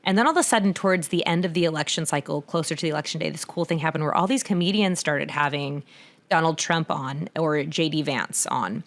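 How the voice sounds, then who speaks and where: A woman in her thirties talks through a topic on a podcast in a loose, conversational way. Her voice sits a little low, and she often breaks into laughter or jumps up in pitch when she acts out what people said. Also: a little fast. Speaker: podcast co-host. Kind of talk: casual conversational explanation.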